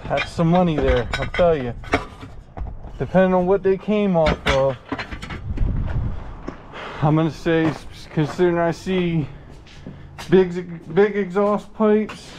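A man vlogging as he sorts through a storage unit, talking in a folksy, unhurried way while he thinks aloud. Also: a little high. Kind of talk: casual chest-cam vlog narration. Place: metal storage unit and gravel lot outdoors. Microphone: chest-mounted action camera. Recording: noisy outdoor action-camera audio.

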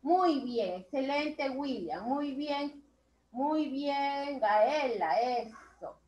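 A woman teaches young children over a video call, praising them one by one. Her voice sits high and moves slowly, stretching her words. The sound is roomy and a little dull. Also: a little hiss or hum. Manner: slow, drawn-out words, warmly praising children. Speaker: primary school teacher. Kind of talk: online class instruction.

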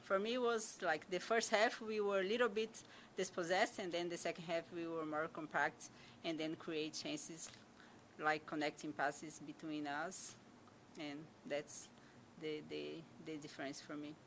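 A young woman from Brazil whose first language is Portuguese, answering questions as a soccer player at a press conference, speaking English with a Brazilian accent into a stand mic, often halting and repeating words. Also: low-pitched, level tone, slight background noise. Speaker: national team soccer player. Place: press conference room with sponsor backdrop. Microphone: stand mic in front of her.

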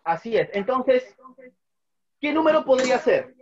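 His pitch is extremely high with big swings, his pace a little slow, and the audio dull. He's a man in his thirties giving an online math lesson at a whiteboard in a small room, patiently repeating steps and putting questions to students.

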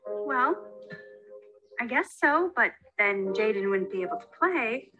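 A woman's voice: on the high side, expressive, unhurried, highs cut off, music in the background. An actress playing a mild, agreeable mother in a comedy skit who gives in easily. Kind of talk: scripted comedy skit acting.

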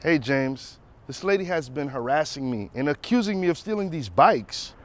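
An actor playing a reasonable, put-upon young cyclist in a drama, explaining things in a matter-of-fact way. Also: male voice, fairly high pitch, expressive, normal speed, faint music behind, close to an everyday voice. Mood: exasperated. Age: young adult. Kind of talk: acted drama dialogue. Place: outdoor parking lot.

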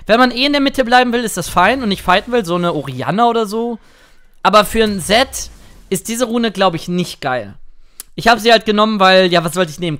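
A young man chatting excitedly through live gameplay commentary as a streamer, now and then singing or shouting at a play. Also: high voice. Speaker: gaming streamer.

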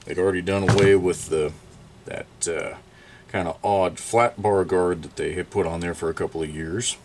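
A man's voice: low-pitched, fairly even intonation, moderate pace, noisy background. Chatty man in a repair workshop. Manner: chatty, thinking aloud while working, bursts of surprise. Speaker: chainsaw repair channel host. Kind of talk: casual workshop show-and-tell.

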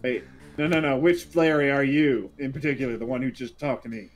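A man's voice: medium pitch, fairly even intonation, brisk. A man hosting a let's play, chatting casually and a little flustered. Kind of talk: casual gaming chat.

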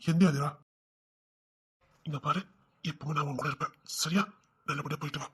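A man playing a caring, protective young man who speaks gently and reassuringly. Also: fairly high pitch, fairly even intonation, normal speed, a little hiss or hum.

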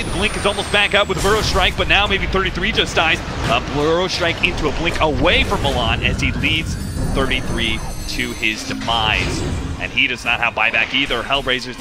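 A man giving play-by-play commentary on a competitive video game match, speeding up into rapid excited calls during fights. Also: a little high. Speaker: esports caster.

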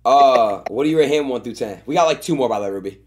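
A young man hosting a livestream, loudly cutting in and running the show. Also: mid-range voice, animated, quick pace. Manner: loud interjecting, runs the show. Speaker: streamer host. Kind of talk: livestream chat.

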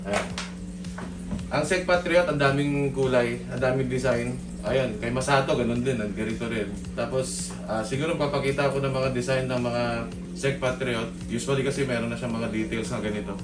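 A man's voice: medium pitch, steady tone, moderate pace, distant mic. A man reviewing a motorcycle helmet in a casual vlog at home, talking through a face mask in an upbeat way and often saying "ayan". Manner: upbeat, peppers talk with "ayan". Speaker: motorcycle vlogger. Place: at home indoors. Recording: roomy, from off-mic, loud music behind.

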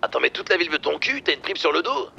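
Man as foul-mouthed loyal criminal pal, game roleplay, blunt slang, rather high voice, heavy fry, faint hum. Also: very animated, quick pace, pushed and bright, muffled recording, full character voice. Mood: blunt, alarmed. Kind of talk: improvised online game roleplay.

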